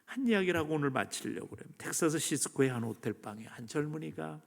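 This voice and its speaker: A man preaching a sermon as pastor, moving between loud emphasis and hushed near-whispers. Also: on the high side, animated, fairly quick, gravelly. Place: church sanctuary. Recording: long church reverb.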